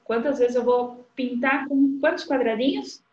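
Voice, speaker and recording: Woman teacher, slow sing-song explaining, dull echoey recording. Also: fairly high pitch. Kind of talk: recorded literacy lesson for young children. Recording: dull, echoey room sound.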